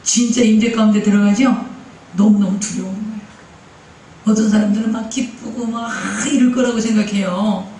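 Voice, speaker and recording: A man's voice: high-pitched, fairly even intonation, normal speed, warm tone, slight background noise. A male pastor preaching a sermon, emphatic and repetitive, often turning to the congregation with direct questions. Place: church sanctuary. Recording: echoey church hall, mic at a distance.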